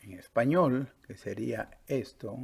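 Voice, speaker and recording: A man teaches a Spanish grammar lesson at a slow, deliberate pace. His voice is gravelly and a little husky. He checks in with the listener as he explains each step. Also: medium pitch. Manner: patient, drawn-out, stops to ask "¿sí?" and "¿verdad?".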